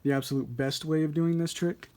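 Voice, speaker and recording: A man's voice: a little high, fairly quick, mellow. A man giving a casual hands-on tutorial as an instructor, informal and a little hesitant, thinking aloud as he explains. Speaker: card trick instructor.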